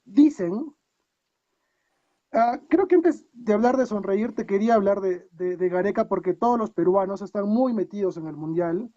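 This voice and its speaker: Speaking at a moderate pace in an expressive, high-pitched, mellow voice, a guest coach from Peru chats in a casual interview over video call. His Peruvian Spanish accent carries reflective talk full of self-directed rhetorical questions, captured in lo-fi sound without echo.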